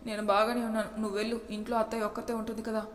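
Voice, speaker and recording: A woman voicing a moody young husband with a curt, gruff manner, in a storybook reading. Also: a little high, little pitch movement, very fast, lightly acted. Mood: irritable. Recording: echoey room with long reverb.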